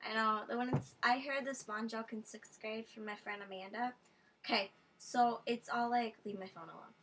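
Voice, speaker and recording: Chatty bright-voiced teenage girl. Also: on the high side, fairly even intonation, moderate pace, a little hiss or hum. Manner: chatty, rambling storyteller with many fillers. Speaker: vlogger telling jokes. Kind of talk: casual chat.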